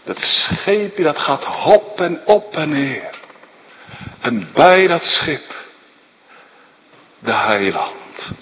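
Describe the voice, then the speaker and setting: Man, preacher, dramatic Bible storytelling, slightly high voice, long echo of a large hall. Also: sing-song, very slow, long pauses, bright, forceful tone, slight background noise. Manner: vivid, asks listeners rhetorical questions, tag "hè".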